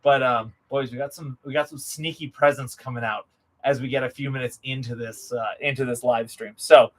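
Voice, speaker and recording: Here a livestream host talks at normal speed in a mid-range voice with fairly even intonation. His casual patter is still showy and hyped, full of repeated phrases for emphasis, and the stream audio is clearly noisy.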